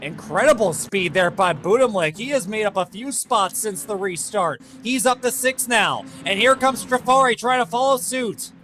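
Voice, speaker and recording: High-pitched, excitable male motorsport commentator. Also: normal speed, few pauses, a little hiss or hum. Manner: excitable, clipped running calls. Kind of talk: live motor race play-by-play commentary.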